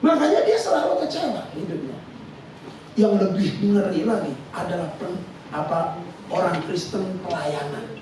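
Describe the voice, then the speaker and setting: A male preacher, giving a lively sermon full of laughter and acted-out quotes in slang. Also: sits high, normal speed. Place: church hall. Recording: echoey hall from far off, noisy.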